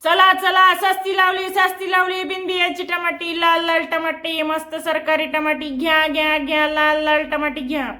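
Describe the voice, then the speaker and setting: A woman voicing a gruff, short-tempered rural father who sells vegetables and shouts out his wares and scolds. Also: high voice, moderate pace, reverberant. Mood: hawking loudly. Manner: loud market hawking and scolding.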